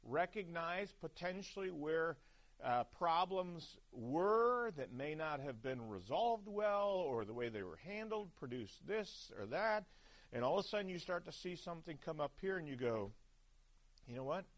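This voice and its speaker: A man's voice: a little high, big pitch swings, normal speed. A man preaching a chapel sermon at a seminary, talking conversationally with frequent "right?" checks and restarts.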